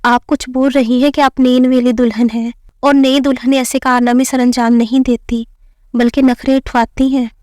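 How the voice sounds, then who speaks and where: A woman's voice: high voice, flat delivery, normal speed, a little mellow, no room sound, clean studio sound, close to an everyday voice. A woman reading the lines of a kind, teasing young husband in a playful, mock-formal way.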